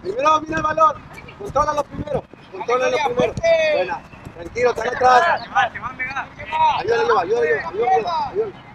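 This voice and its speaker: A man's voice: very high voice, expressive, a little fast, pauses often. A man coaching youth soccer from the sideline, barking short, repeated commands outdoors. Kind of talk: shouting sideline instructions during a match. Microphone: picked up by sideline camera. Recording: noisy outdoor field recording.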